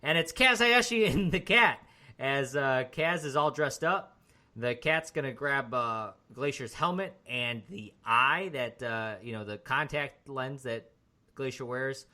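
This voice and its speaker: A man with a bright, clear-edged voice co-hosts a casual wrestling podcast. He recaps scenes loosely, piling on fillers as he goes. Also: mid-range voice, measured pace. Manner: relaxed, rambling recap with frequent fillers. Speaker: podcast co-host.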